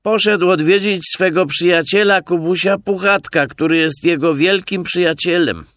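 A man voicing a grumpy, evasive male rabbit in a high, snappish voice. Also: very animated, slow, fairly bright tone, clear, resonant tone, no room sound, studio quality, full character voice.

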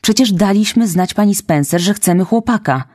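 Woman doing a stern, brisk farm woman. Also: lowish voice, animated, a little mellow, no echo, studio quality. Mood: indignant. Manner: brisk, firm. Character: stern, practical middle-aged woman.

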